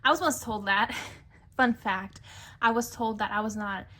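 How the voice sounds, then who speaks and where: A woman's voice: mid-range voice, normal speed, pushed and bright. A woman giving a casual tarot reading to camera, musing and chatty with many fillers. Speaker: tarot reader. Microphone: camera mic.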